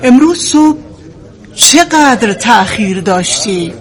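A woman's voice: fairly high pitch, lively intonation, close to an everyday voice. An actress playing a strict female office manager who talks in a stern, reprimanding way, in a TV drama.

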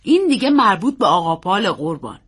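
Woman playing a male servant, husky, polite and mysterious, lively pitch. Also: full character voice. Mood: deferential. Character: deferential male servant, secretive and careful.

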